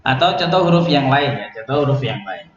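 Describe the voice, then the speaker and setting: A man's voice: mid-range voice, sing-song, crowd noise. Man teaching in an echoey room. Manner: explains rules slowly, asks students questions. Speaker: Quran recitation teacher. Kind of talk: classroom tajwid lesson. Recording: echoey room, dull, noisy.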